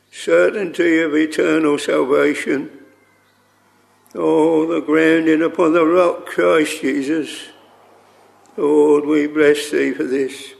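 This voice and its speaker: A man leading a solemn public prayer in old-fashioned language, speaking in halting short phrases and returning again and again to "Lord". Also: fairly high pitch, vocal fry.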